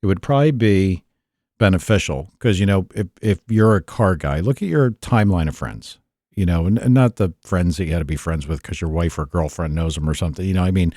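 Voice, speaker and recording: A podcast co-host with a very deep voice, talking in a laid-back, grumbling way and swearing now and then. He sounds close-miked in a dry studio. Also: brisk, darkish tone, no room sound. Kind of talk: casual studio chat.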